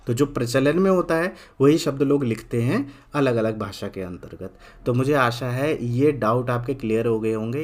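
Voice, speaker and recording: Man, patient teacher, repeats words slowly, mid pitch. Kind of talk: explanatory lesson.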